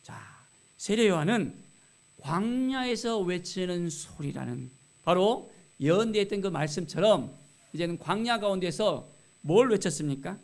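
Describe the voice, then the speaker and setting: Male pastor, high-pitched voice, emphatic sermon style with rhetorical questions. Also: lively intonation. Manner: reads scripture aloud slowly with emphasis. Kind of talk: expository sermon on scripture.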